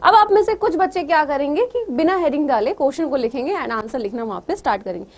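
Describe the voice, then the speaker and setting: Woman teacher, high voice, exam preparation lecture, coaxing, keeps checking understanding, mixes in English words. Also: animated, fast talker, a little mellow.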